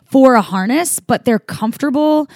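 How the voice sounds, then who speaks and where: A woman's voice: sits high, expressive, moderate pace, a little mellow, no echo, clean studio sound. A woman co-hosting a casual podcast, chatting and rambling with plenty of fillers. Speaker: podcast co-host.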